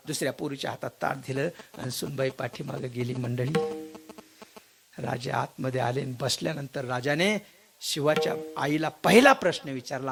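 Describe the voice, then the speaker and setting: A man preaching a devotional kirtan sermon, telling a history story dramatically, swinging from loud exclaiming to hushed lament. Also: mid-range voice, creaky.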